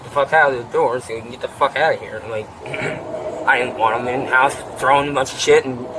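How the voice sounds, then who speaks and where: A man of middle pitch tells his side of a fight to a deputy, swearing constantly and clearing his throat as he rambles. He is caught outdoors on a body camera mic, with steady noise hissing under his voice. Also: a little fast. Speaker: witness interviewed by deputy. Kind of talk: bodycam interview, agitated retelling. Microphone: officer's body camera. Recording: noisy outdoor bodycam audio.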